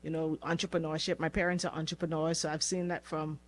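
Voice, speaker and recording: A young woman from the Bahamas, talking casually as a podcast guest, relaxed and chatty, laughing easily and repeating words as she goes. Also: sits low, fast. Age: young adult. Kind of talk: casual interview chat.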